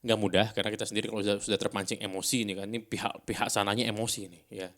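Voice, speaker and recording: A middle-aged man speaking on a business podcast in a relaxed, chatty way, full of fillers and acted-out dialogue. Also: fairly low pitch, racing, a little hiss or hum. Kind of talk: casual podcast talk.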